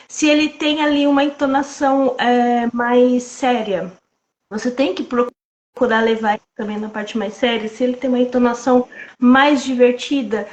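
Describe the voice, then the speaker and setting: A woman with a soft, childlike voice talking calmly about sales in a casual live chat over a video call. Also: on the high side. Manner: calm, reassuring, many fillers. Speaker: sales trainer.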